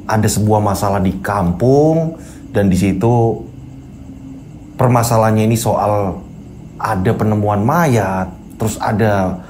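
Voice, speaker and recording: A man's voice: on the low side, darkish tone, slight background noise, voice pushed down, close to an everyday voice. A man voicing a patient middle-aged village head who speaks politely, carefully and with hesitations.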